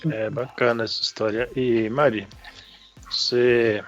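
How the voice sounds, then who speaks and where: Low-voiced friendly man hosting a podcast. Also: normal speed, a bit bright, highs cut off, soft background music. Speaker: podcast host. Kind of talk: interview questions.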